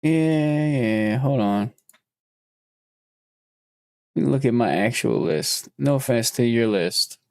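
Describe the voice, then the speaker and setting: A man's voice: medium pitch, animated, slow, vocal fry, pauses often, darkish tone, no echo. A man hosting a podcast in casual chat, loose and joking with plenty of swearing. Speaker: podcast host.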